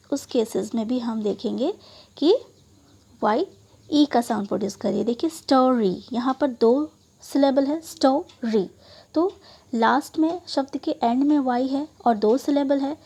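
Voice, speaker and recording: A woman's voice: high voice, dark tone, husky. A woman teaching English phonics in Hindi, spelling out letters and modeling each vowel sound with frequent okays. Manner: slow, deliberate delivery with many okays.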